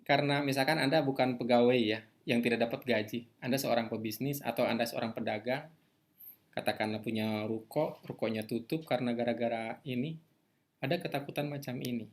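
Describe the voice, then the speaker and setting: A man's voice: mid-range voice, fairly even intonation. A man giving an online lecture, checking in with the listeners and repeating key words. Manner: asks the audience questions and repeats key words; slows to a quiet, drawn-out voice for prayers. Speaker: online course teacher.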